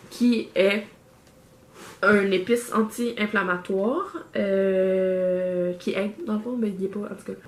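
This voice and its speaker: A woman's voice: on the high side, darkish tone. Chatty Québécois woman in an echoey room. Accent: Québécois French. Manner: chatty and rambling, many fillers and restarts. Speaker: vlogger reviewing a subscription box. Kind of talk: casual unboxing chat. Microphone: camera microphone. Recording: echoey room with faint background noise.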